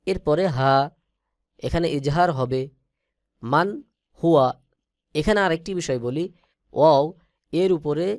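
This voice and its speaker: A man teaching Quran reading in a lesson, spelling out letters step by step and chanting the words slowly and patiently. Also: fairly high pitch, darkish tone, no echo, studio quality. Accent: Bangladeshi Bengali. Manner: slow, patient, drawn-out chanted recitation.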